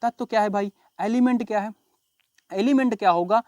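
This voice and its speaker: A man with a high, slightly mellow voice speaks a little fast, with no echo, while teaching a science lesson in a casual classroom style. He repeats key terms, quizzes his students as he explains, and chats with them, calling them bhai and babu log.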